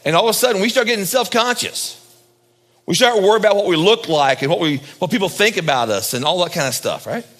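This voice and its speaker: Man preaching at a pulpit microphone, lively. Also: quick pace, big-room sound. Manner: animated preaching, swinging between loud high emphasis and low hushed lines. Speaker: pastor. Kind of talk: sermon.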